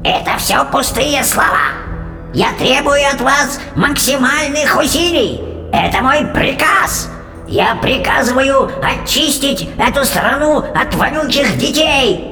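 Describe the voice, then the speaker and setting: Man voicing a gravelly, shrieking witch queen. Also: big pitch swings, sharp tone, soft background music, full character voice. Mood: shrill ranting. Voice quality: shrill, snarling. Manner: slow, menacing and gravelly. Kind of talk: audiobook character voice.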